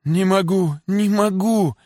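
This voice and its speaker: A man voicing a desperate young peasant mother, pleading and cursing in a shrill raised voice. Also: slow pace, darkish tone, dry recording, studio quality.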